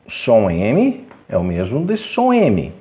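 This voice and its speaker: A man with a Brazilian Portuguese accent teaching English pronunciation, explaining clearly and slowing down to model the sounds. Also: fairly low pitch, wildly swooping pitch, dark tone, dull audio. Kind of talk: scripted lesson.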